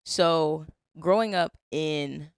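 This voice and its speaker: A woman's voice: low voice, drawn-out words, smooth, no room sound, studio quality. A woman in her twenties hosting a podcast, chatting casually and teasing her guest in a playful way. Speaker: podcast host. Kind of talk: casual conversation. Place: indoors, on a couch.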